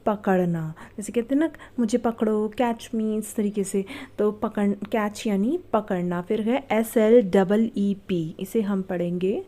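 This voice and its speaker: A woman's voice: mid-range voice, takes it slowly, warm tone. A woman teaching English words, spelling each one and asking it back in a patient, repeating way. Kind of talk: spelling and explaining words for learners.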